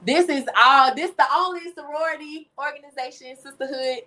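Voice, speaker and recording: A young woman from Louisiana speaks in a high, pushed, bright voice at a normal speed, her Southern American accent coming through. She's a singer and songwriter appearing as an interview guest, chatting casually and with lots of emphasis.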